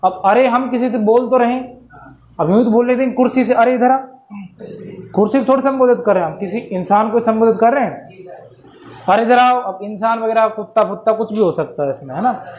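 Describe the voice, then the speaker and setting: A man's voice: high voice, fast talker, a little mellow. A man teaching a Hindi grammar lesson in a casual, playful way, acting out examples and laughing along. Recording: echoey room with faint background noise.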